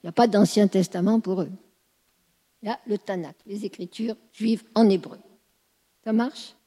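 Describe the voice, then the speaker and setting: Woman teacher giving a lecture, kinda husky, lots of hall reverb. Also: mid-range voice, normal speed, dark tone. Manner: explanatory, checks understanding often. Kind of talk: classroom lecture.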